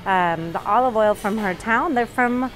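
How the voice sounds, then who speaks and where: With a slightly high, somewhat bright voice and an unhurried delivery, a local tour guide vlogger walks viewers casually around a covered market and its entrance. A face mask muffles her speech, and soft music plays underneath. It's a noisy handheld capture with the market's ambience all around.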